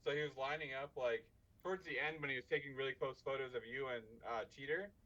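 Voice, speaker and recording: A man co-hosting a sports podcast, talking haltingly with lots of likes and restarts. His voice is bright and sharp at a middle pitch. The recording sounds dull and lo-fi. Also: steady tone. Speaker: podcast co-host. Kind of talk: casual sports chat.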